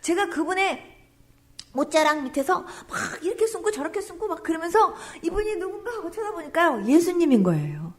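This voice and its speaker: Woman pastor preaching, high voice, emotional storytelling, sometimes whispers. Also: big pitch swings, brisk. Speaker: pastor giving testimony. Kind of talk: testimony sermon.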